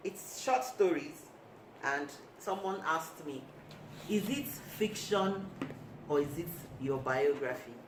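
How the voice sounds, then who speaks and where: A woman author reading aloud from her own book of short stories in a measured, deliberate way. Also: sits low, animated. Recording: echoey room, mic at a distance, noisy.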